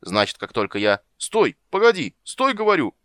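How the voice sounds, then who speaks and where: A man's voice: fairly low pitch, animated, fairly quick, fairly bright tone, no room sound, clean studio sound. A man doing a flustered old wizard. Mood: fussy. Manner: flustered, wheedling, cackling. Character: fussy, scatterbrained old male wizard.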